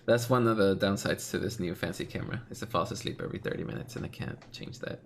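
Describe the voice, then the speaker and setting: A man's voice: low voice, quick pace, vocal fry, a little hiss or hum. A man hosting a casual let's play, chatting and joking with a laugh while reading game text aloud.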